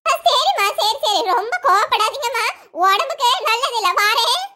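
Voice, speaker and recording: A woman's voice: very high voice, expressive, normal speed, sharp tone, slight background noise, exaggerated voice. A woman voicing a good-natured old grandmother who sells flowers in a cartoon, talking in an easygoing, chuckling way. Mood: amused. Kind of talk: cartoon voice acting.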